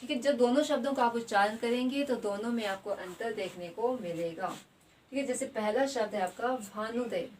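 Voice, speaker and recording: A woman teacher giving a grammar lesson. She puts questions to the class, answers them herself and repeats each word slowly. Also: fairly high pitch, a little mellow. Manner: adds a tag question after most points. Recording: slightly distant mic with faint background noise.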